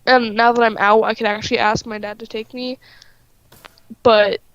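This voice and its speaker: An artist chats casually on a livestream in a somewhat high, flat voice at a moderate pace. She's stuffy-nosed and congested, so she sounds nasal, and she laughs often and says "like" a lot. The audio is dry, dull lo-fi stream sound.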